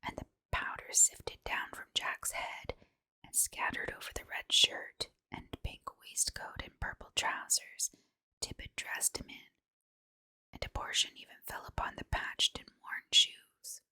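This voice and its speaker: A woman reads a storybook aloud under her breath as ASMR. Her whisper is very bright and crisp with breath rather than voice. She keeps to narrated prose throughout. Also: measured pace. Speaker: reader of a children's storybook.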